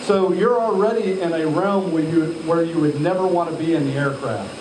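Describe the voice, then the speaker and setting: A man's voice: fairly high pitch, moderate pace. A man giving live hands-on instruction to trainees, directing them and quizzing them as he checks on them. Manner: directive, questioning, addresses trainees as sir. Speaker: altitude chamber instructor. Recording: echoey, distant mic, loud machinery hum.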